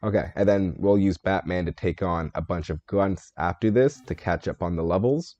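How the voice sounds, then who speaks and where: Male streamer, low mellow voice, casual running commentary, dry and slightly muffled stream audio. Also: normal speed, no room sound. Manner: thinks aloud, answers chat, joking and self-deprecating. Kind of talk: live gameplay stream commentary.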